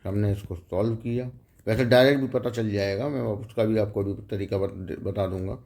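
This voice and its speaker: A man's voice: on the low side, fairly even intonation, moderate pace, darkish tone. A man teaching a math lecture, explaining step by step and often checking in with the students.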